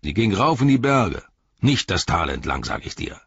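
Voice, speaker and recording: A man's voice: low voice, big pitch swings, normal speed, vocal fry, a bit bright, slightly rough, no echo, dull audio, voice pushed up, full character voice. A man doing a snarling little orc tracker. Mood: griping. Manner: growling, resentful griping. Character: snarling small orc tracker, sullen and quarrelsome.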